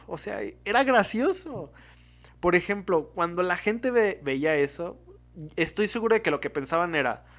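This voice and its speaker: A man's voice: fairly high pitch, fairly bright tone. A man with a Mexican Spanish accent hosting a casual solo podcast, rambling and often stopping to correct himself. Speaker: podcast host.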